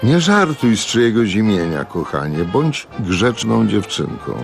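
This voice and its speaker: A man voicing a gentle, indulgent husband with a soothing, patient manner in a radio audiobook reading. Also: on the low side, big pitch swings, measured pace, gravelly, music in the background, voice pushed up, full character voice.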